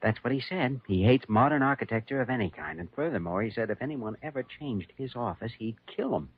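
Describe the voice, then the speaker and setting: An earnest young radio doctor. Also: male voice, mid-range voice, lively intonation, fairly quick, slightly rough. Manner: earnest, placating. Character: young male doctor, earnest and eager to please. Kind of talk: 1950s radio drama acting. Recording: dull old radio broadcast with faint hiss.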